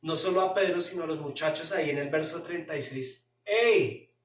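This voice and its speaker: A man's voice: fairly high pitch, steady tone, fairly quick, a little hiss or hum. A male pastor preaching expressively, asking many rhetorical questions. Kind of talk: sermon. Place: church sanctuary. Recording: roomy hall, distant mic.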